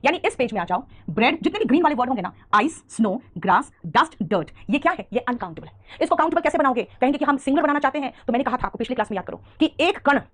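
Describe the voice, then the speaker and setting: Fast-talking Indian woman teaching English. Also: high voice, lively intonation. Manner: fast, scolding-affectionate, calls students "beta". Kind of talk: online grammar class.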